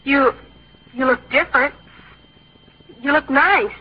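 A woman plays an awkward, earnest young teenage boy in a vintage radio comedy. The voice is high, hesitant and stammering, and the sound is dull and lo-fi. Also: slow pace. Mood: bashful. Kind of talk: old-time radio comedy acting. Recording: dull lo-fi old radio recording.

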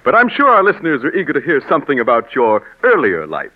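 A man's voice: medium pitch, huge pitch swings, fast talker, no echo. An actor playing a courteous, interested male interviewer in an old-time radio show. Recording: thin, phone-like old radio with faint music.

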